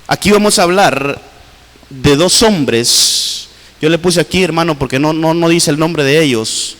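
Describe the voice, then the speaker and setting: Pastor, male, high fervent preaching voice, long church reverb. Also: a little slow, fairly bright tone. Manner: fervent preaching with sweeping pitch swings, repeatedly addressing "hermano". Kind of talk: sermon. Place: church hall.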